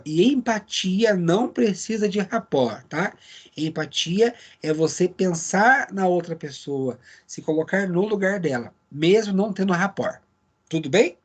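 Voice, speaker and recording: A man teaching a live online class, speaking conversationally and checking in with his students by name over a video call. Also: sits high.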